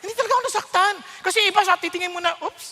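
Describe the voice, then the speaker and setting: A man's voice: extremely high pitch, racing. A Filipino man, a pastor, preaching a sermon and telling his own story, acting out the voices he quotes. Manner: animated storytelling, acts out quoted voices, mixes English and Tagalog. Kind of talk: sermon with personal testimony. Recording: long reverb of a large hall.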